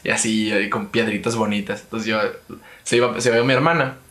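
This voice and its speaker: Young man, Mexican accent, casual slangy chat, bright forward tone, echoey room. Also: on the low side, brisk. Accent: Mexican Spanish. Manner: slangy and relaxed, peppers talk with "güey".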